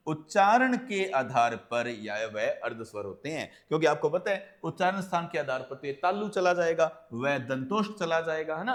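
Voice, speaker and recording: A man with a slightly high voice teaching an exam-prep lesson at a close mic. He asks and answers his own questions and keeps checking in with the class as he walks through each point. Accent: Hindi. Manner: calls listeners friends, often adds "right?".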